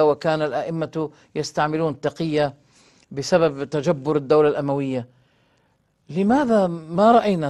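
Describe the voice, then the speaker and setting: A man with a Levantine accent giving a religious lecture, posing rhetorical questions and slowing down to read quoted passages aloud. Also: fairly high pitch, a little mellow. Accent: Levantine Arabic. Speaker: religious scholar presenting a program.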